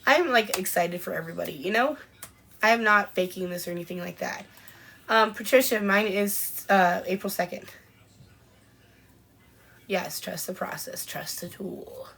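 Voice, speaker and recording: A woman co-hosting a podcast in a casual live-stream chat, chatting as she answers viewer comments with frequent ums and pauses. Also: medium pitch, creaky, fairly bright tone. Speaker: podcast co-host.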